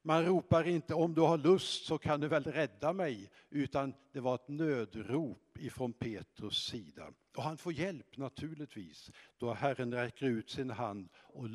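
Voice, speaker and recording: A man giving a slow, reflective sermon, pausing often and hesitating as he explains scripture. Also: mid-range voice. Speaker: preacher. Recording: long hall reverb.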